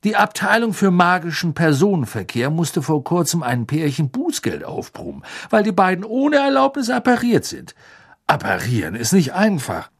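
Ein Mann, der in einem Hörbuch einen fröhlichen, väterlichen Zauberer mittleren Alters spricht. Die Stimme klingt eifrig und erklärend und ist deutlich angehoben. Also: male voice, sits high, huge pitch swings, moderate pace, slightly rough, voice pushed up, heavily acted. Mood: eager explaining. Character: cheerful fatherly wizard, middle-aged man.

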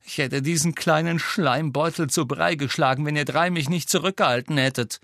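A man's voice: fairly high pitch, takes it slowly, fairly bright tone, no echo, clean studio sound, pitched above the performer's own voice. A hot-tempered teenage boy in a storybook, as a man puts him on. He bites off his words, sullen and resentful. The voice sits a little above a grown man's.

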